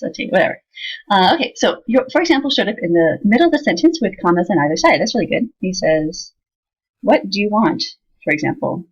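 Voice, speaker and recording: A woman teaching a software tutorial in a casual way, thinking aloud with fillers as she demonstrates. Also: mid-range voice, husky. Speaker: instructor. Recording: slightly dull lo-fi sound.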